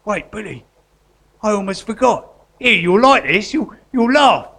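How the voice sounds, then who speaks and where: Bloke acting earnest sentimental essex crook artist, high sharp voice, south-east english accent, stage play. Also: male voice, lively intonation, a little slow, gravelly, exaggerated voice. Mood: subdued, mournful. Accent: south-east England. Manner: colloquial, earnest. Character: emotional working-class Essex crook-artist, loyal and sentimental. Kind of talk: live stage drama.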